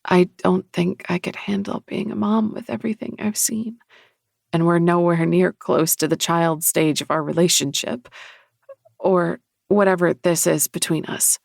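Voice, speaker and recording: A male narrator voicing a young human woman, wary yet tender, in an audiobook with a breathy, soft and earnest delivery. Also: sits high, steady tone, a little slow, no room sound, clean studio sound, heavily acted. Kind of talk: audiobook character voice.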